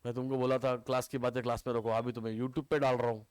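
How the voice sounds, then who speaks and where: A man's voice: mid-range voice, level tone, fast, darkish tone, clean tone, no room sound. A man teaching accounts to a class, quizzing his students and mixing terms into his speech. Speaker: commerce teacher. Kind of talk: classroom lecture.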